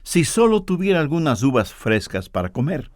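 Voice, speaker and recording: A man's voice: on the high side, big pitch swings, normal speed, no echo, clean studio sound. A man voicing a sick young daughter asking her mother for something. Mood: wistful.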